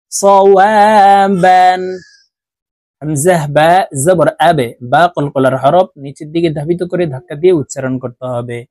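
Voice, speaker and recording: Male recitation teacher, slow and patient, syllable-by-syllable drills, dry close mic. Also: a little high, a little mellow, no echo. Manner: spells syllables then draws out whole words. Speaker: Quran reading teacher. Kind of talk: slow spelled-out recitation lesson.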